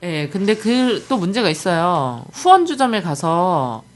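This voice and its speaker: Woman host chatting casually, blunt and jokey, pitch bouncing all over. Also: sing-song, a little slow, faint music behind. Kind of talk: casual chat.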